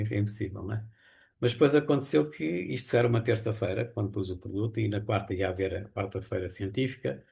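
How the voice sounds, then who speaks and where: A man's voice: lowish voice, creaky, darkish tone, husky. A man in his fifties with a European Portuguese accent, telling a personal story and acting out the quoted dialogue. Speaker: testimonial speaker. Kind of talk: casual spoken testimony.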